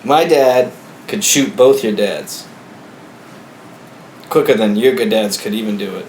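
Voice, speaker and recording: A man's voice: fairly low pitch, unhurried, a little mellow, roomy sound, slight background noise. Mock-defensive man lecturing his friends. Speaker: podcast co-host. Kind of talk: casual comedic banter.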